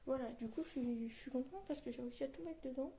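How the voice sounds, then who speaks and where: A woman's voice: high-pitched, fast, mellow. A woman with a lisp on her s sounds, chatting casually to viewers in a rambling, colloquial vlog style. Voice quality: lisp on s sounds from orthodontic elastics. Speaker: vlogger. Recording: roomy echo, faint background noise.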